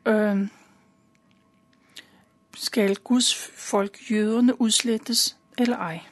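A woman calmly retelling a Bible story in simple, plain words, with a few fillers. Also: mid-range voice.

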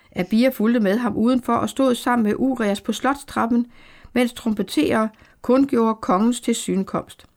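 A woman narrating a historical novel in steady, measured scripted storytelling. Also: on the high side. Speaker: audiobook narrator.

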